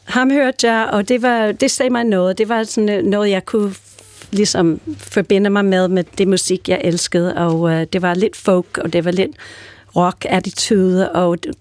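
A woman's voice: mid-range voice, fairly even intonation, a little mellow. Older American woman telling stories. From United States. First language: English. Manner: chatty storyteller, hesitant with fillers and restarts. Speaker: guest. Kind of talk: casual chat.

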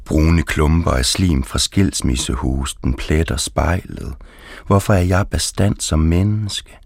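Very deep gravelly man reading poetry. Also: dry recording. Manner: slow, deliberate, measured.

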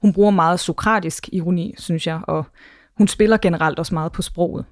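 A woman's voice: fairly low pitch, fairly even intonation, no echo, studio quality. A woman who is a stand-up comedian, explaining ideas articulately in an interview.

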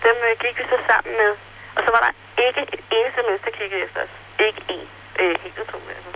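A teenage girl on an interrail trip, talking hesitantly with many fillers in a phone interview from a post office. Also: fairly high pitch. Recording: telephone line with faint hiss.

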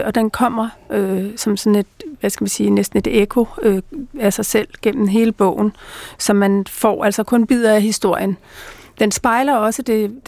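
A middle-aged woman author talking reflectively in an interview, pausing often with fillers. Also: mid-range voice, creaky, darkish tone, no echo. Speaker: author and guest. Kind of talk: conversational interview.

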